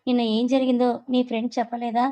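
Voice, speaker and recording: A woman's voice: a little high, flat delivery, quick pace, warm tone, no room sound, natural voice, poor audio. Woman doing a blunt grumbling young man.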